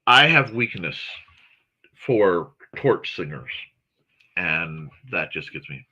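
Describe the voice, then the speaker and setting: This is a deep-voiced man hosting a casual morning talk livestream, very animated yet slow, with a pushed, bright delivery and lo-fi sound. He chats with viewers in a rambling way and often corrects himself mid-sentence.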